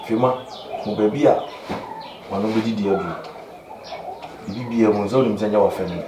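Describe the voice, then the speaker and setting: A man's voice: lowish voice, moderate pace, natural voice. An actor with a Ghanaian accent playing a young man who argues and reasons with a demanding woman. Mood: defensive. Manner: reasoning, defensive, mixing in English. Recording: echoey, distant mic, noisy background.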